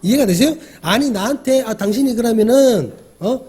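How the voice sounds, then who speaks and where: A man's voice: very high-pitched, expressive, moderate pace, darkish tone, husky. A male pastor giving a conversational sermon, often asking the congregation questions and acting out the dialogue he describes. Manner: acts out quoted dialogue.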